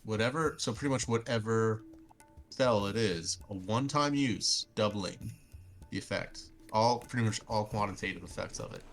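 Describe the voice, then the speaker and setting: Deep, gravelly man running a tabletop game. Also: normal speed, soft background music. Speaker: game master. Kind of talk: improvised tabletop game narration.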